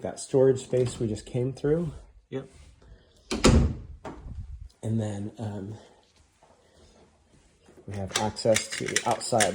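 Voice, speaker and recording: A man casually narrating a walking tour of a house, offhand and relaxed with frequent ums. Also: on the low side, noisy background. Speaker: home tour host. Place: inside a house being toured.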